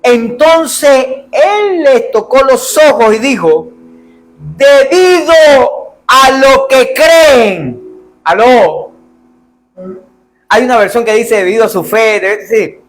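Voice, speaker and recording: A man preaching a lively sermon, calling out to the congregation and acting out the cries of the blind men. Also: extremely high pitch, takes it slowly, soft background music, rough recording. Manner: animated, calls out to congregation, acts out biblical cries. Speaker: pastor.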